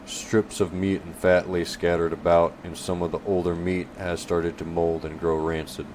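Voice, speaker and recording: A man reading a fantasy novel aloud as an audiobook narrator, measured with occasional self-corrections. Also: low-pitched, flat delivery, a little mellow, slight background noise.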